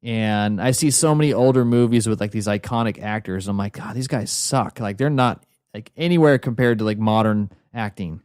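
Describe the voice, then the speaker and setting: A man's voice: lowish voice, fairly quick, few pauses, darkish tone, smooth, dry recording, clean studio sound. A man co-hosting a film podcast in casual chat, rambling with many fillers and restarts. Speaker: podcast co-host.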